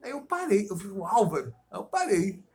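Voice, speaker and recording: A man's voice: high-pitched, sing-song, fairly quick, darkish tone. A Brazilian man co-hosting a casual podcast, rambling, swearing freely and drifting into talk about poetic meter. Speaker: podcast co-host. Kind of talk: casual chat.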